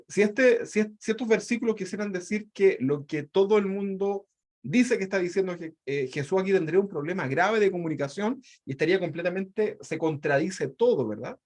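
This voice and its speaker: Man, high voice, online Bible study teacher, reads verses with asides. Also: moderate pace, darkish tone. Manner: reads scripture aloud and breaks in with asides; ends phrases with a questioning tag.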